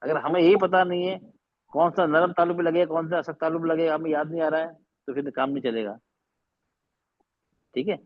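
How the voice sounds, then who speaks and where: A man's voice: a little high, fairly even intonation, a little fast, long pauses. Patient male teacher on a muffled video call. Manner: patient, repeats points, mixes English phrases. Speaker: tajweed teacher. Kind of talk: online class explanation.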